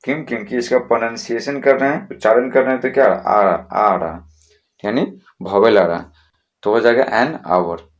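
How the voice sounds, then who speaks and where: A man's voice: medium pitch, dull audio. Man, patient schoolteacher explaining step by step, mid-range voice. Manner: slow, repetitive classroom explaining with frequent checks. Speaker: teacher.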